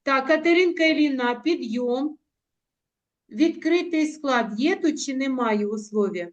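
Gentle woman teacher on a video call. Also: high-pitched, animated, muffled recording. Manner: affectionate, coaxing, uses diminutives; slow, drawn-out word modelling. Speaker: primary school teacher. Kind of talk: online class teaching.

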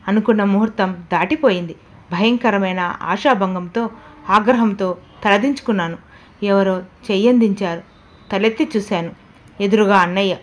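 A woman narrating a sad first-person story as an audiobook reader, slow and heartfelt. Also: medium pitch.

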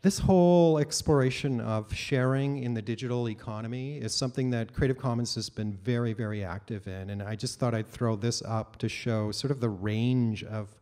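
A middle-aged man giving a conference keynote on a large auditorium stage, speaking into a handheld microphone in a measured, explanatory way with occasional fillers. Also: medium pitch, a little mellow.

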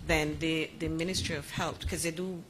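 A woman with a lowish voice explains clinic procedures in an informal way, repeating her points. Faint room noise is behind her. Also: flat delivery, moderate pace. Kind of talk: press conference answers.

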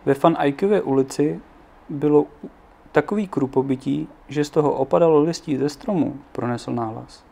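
A man reading a children's book aloud in an unhurried way, now and then adding offhand asides of his own. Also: a little high, gravelly, mellow. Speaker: narrator.

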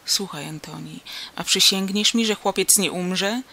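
A reader voices a stubborn old village miller, a grieving father with a grave, halting, wary way of speaking. The tone stays bright despite his years. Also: mid-range voice, vocal fry, husky, heavily acted. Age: older.

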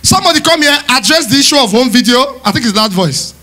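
A man from Delta State with a Nigerian Pidgin accent, doing loud, playful live stand-up at a church event. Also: very high voice, expressive, quick pace. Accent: Nigerian Pidgin English. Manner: loud, playful, teasing the crowd, often shouting and laughing. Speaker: stand-up comedian. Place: church hall stage.

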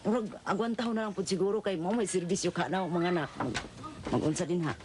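Filipino woman, halting rambling talk, tape hiss. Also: fairly low pitch. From Philippines. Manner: rambling, halting speech with many fillers. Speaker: co-op member. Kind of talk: documentary interview.

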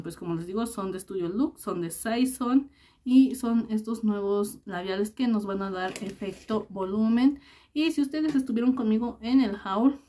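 A woman's voice: medium pitch, darkish tone. A young adult woman talking to her viewers in a casual beauty review vlog, chatty and full of fillers and diminutives. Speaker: beauty vlogger.

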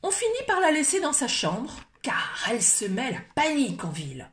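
A woman storyteller at a library, reading a picture book aloud with expressive, lively delivery. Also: high voice, normal speed, roomy sound.

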